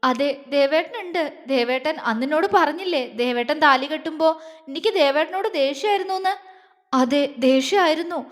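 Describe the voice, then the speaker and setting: A woman's voice: high-pitched, normal speed, in a large hall, close to an everyday voice. A woman voicing a young wife in a romance story, confiding her feelings in a tearful, heartfelt way.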